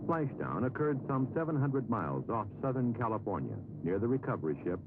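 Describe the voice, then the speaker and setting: A man reading scripted documentary narration in formal, measured phrases. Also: medium pitch, sing-song, noisy background. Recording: narrow-band old film soundtrack with music.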